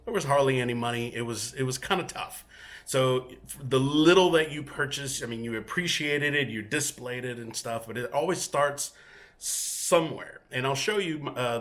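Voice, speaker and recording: A man with a bright, medium-pitched voice, a native Spanish speaker from Mexico, introduces himself casually as the featured guest collector. He gives a tour of the collection room in his home, talking in an easygoing, chatty way with plenty of filler pauses.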